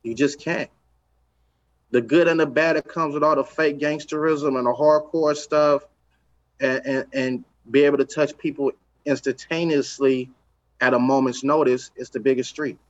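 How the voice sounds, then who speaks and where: A man's voice: medium pitch, steady tone, moderate pace, dull audio. A man from Los Angeles, a record executive talking in a casual podcast chat, emphatic and streetwise, repeating his points.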